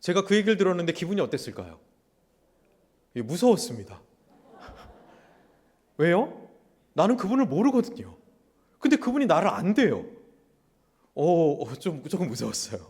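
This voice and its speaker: Animated, loud-voiced male pastor preaching. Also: high-pitched, fast talker, husky. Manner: animated, acts out God's and people's words in quotes. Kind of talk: sermon. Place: church sanctuary.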